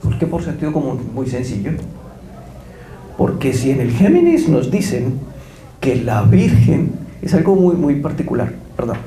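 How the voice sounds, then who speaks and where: A man's voice: mid-range voice, big pitch swings, normal speed, warm tone, reverberant, poor audio. A man giving a religious lecture as guest speaker, telling stories with quoted dialogue.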